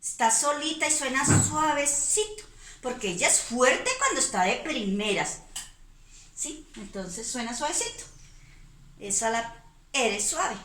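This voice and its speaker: A Colombian woman teaching small children a phonics lesson, stretching out each syllable slowly and speaking to them with affection. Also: high-pitched, sing-song, a bit bright. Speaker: preschool teacher. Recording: echoey room.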